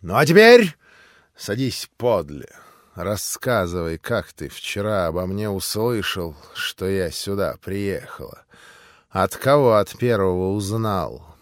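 A man voicing a fiery, proud young woman who swings between commanding and shrill outbursts. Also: animated, slow, few pauses, a little mellow, no echo, studio quality, full character voice. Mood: soft.

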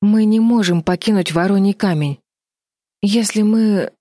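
A woman voicing a timid young girl in an audiobook, speaking quietly and fearfully. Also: medium pitch, unhurried, no echo, clean studio sound, voice pushed up, lightly acted. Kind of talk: audiobook character voice.

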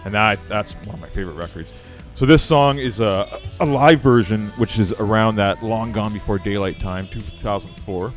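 Low-voiced man gushing about music. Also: moderate pace. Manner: enthusiastic, swearing, rambling. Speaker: music podcast co-host. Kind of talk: casual chat.

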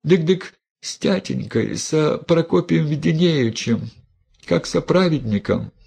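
Guy putting on a high wailing peasant woman, stammers, begs, a gravelly husky edge under it. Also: lively intonation, a little slow, darkish tone, heavily acted. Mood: anxious confession. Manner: wailing, stammering "дык-дык", rustic dialect. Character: wailing, pleading peasant woman, middle-aged.

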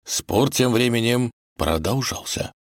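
A man narrating a fairy-tale storybook in a lively, expressive way. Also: mid-range voice, unhurried, no room sound, clean studio sound. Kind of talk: storybook reading.

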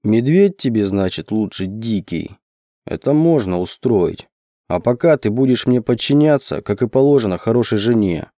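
Brief: domineering woodsman, read by a male narrator, slow and low, dark mellow tone. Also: big pitch swings, no room sound, studio quality. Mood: growling. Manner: slow, low, growling commands. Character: huge gruff domineering forest man.

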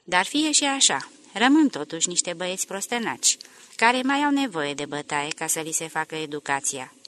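A woman's voice: lowish voice, sing-song, a bit bright, a little hiss or hum. A woman reading the lines of an anxious, tormented young woman in an audiobook, with a pleading, emotional delivery. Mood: anguished.

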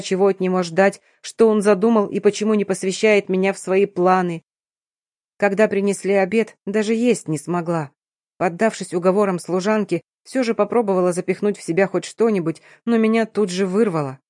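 A woman reading a first-person novel aloud in an even, measured way, close to the mic. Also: mid-range voice, no room sound. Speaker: audiobook narrator. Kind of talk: first-person scripted narration.

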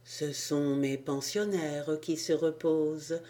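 A woman's voice: deep voice, steady tone, slow pace, warm tone. Woman reading a fond archangel. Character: kindly archangel caring for child souls.

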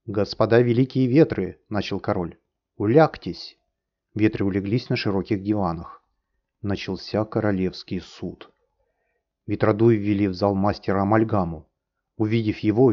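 Low-voiced guy reading a fairy tale, theatrical, muffled lo-fi sound. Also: steady tone, normal speed. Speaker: audiobook narrator. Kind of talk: scripted fairy-tale narration. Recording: dull lo-fi recording.

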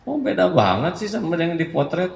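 An Islamic preacher gives a sermon to his congregation in a conversational, teasing style, acting out everyday examples. His high-pitched voice is very animated, brisk and gravelly, recorded in an echoey hall with faint ambience and a little hiss or hum.

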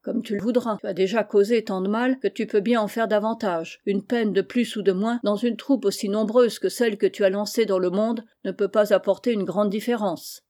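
A woman's voice: mid-range voice, steady tone, normal speed, few pauses, dark tone, natural voice. A woman reading an audiobook voices a sulky young boy who grumbles sullenly.

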